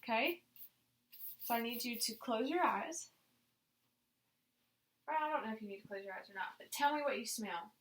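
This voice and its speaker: A woman with a bright, slightly high voice walks a patient through a clinical exam. She explains each step informally and gives simple, direct instructions as she goes. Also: normal speed, long pauses, low-quality recording. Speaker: examiner demonstrating a nursing head assessment on a patient. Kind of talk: spoken clinical exam demonstration with casual instructions.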